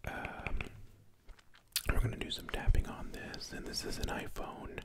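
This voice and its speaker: An ASMR creator whispering softly into a close microphone, repeating soothing phrases. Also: measured pace.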